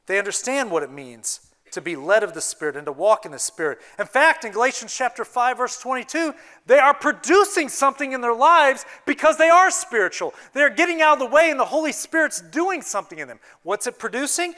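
High-pitched guy preaching, bright sharp voice, goes quiet then hits hard, church sermon. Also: animated, fairly quick. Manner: earnest preaching, swinging between hushed and emphatic. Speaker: youth pastor. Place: church sanctuary.

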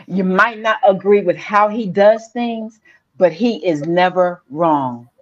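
A woman preaching a sermon in slow declarative lines, calling the congregation to respond. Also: medium pitch, lo-fi sound.

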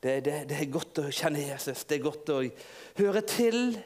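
A preacher voicing the elderly Peter telling his grandchild about a night at sea, in a low, hushed confiding tone. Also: animated, creaky. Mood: relieved.

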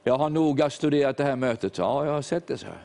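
A man's voice: mid-range voice, animated, creaky, a little mellow. Older man preaching a sermon. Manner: storytelling, acts out quoted voices. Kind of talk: sermon testimony.

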